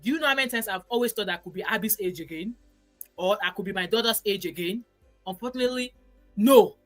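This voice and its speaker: A woman's voice: medium pitch, quick pace, soft background music. A Nigerian woman in her forties hosting a casual live stream, reading viewer comments in an emphatic, chatty way and dropping in pidgin words. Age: 40s.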